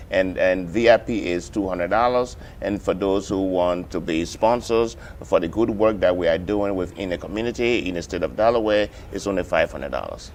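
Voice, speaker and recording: A man from Liberia speaking as a guest on a TV interview, halting with many fillers and repeats. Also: low-pitched, a little mellow, slight background noise. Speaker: guest, coalition organizer.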